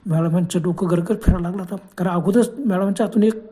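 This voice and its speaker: A man's voice: sits high, fairly even intonation, quick pace, warm tone. A man telling a horror story as its narrator, in a dramatic, suspenseful way.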